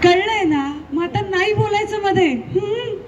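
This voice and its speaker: A woman with a very high voice plays the scolding, teacherly straight role in a live ventriloquist act. The recording is dull and lo-fi, with a loud noisy crowd behind her. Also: moderate pace. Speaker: ventriloquist performer. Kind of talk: live stage comedy. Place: live event with audience.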